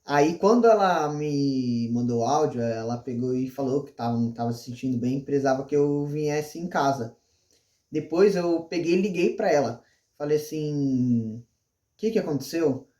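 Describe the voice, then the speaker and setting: A young man with a mellow, dark-toned voice chats casually, recounting his side of the story after chiming in with short remarks. The room around him is echoey. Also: fairly high pitch, moderate pace. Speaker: vlogger, co-host. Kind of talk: casual chat. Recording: roomy echo.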